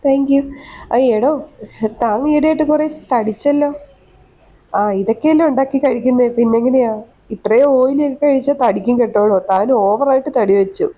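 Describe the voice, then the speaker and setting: A woman's voice: sits high, normal speed, warm tone, highs cut off, slight background noise, natural voice. A woman playing a tactless, nosy neighbor who needles bluntly. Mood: needling.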